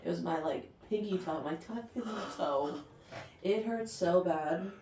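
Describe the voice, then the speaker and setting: A woman's voice: fairly low pitch, measured pace, mellow. A young woman co-hosting a casual podcast, telling stories expressively and swearing freely. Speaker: podcast co-host. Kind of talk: casual chat, animated storytelling. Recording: echoey room, distant mic, faint hiss.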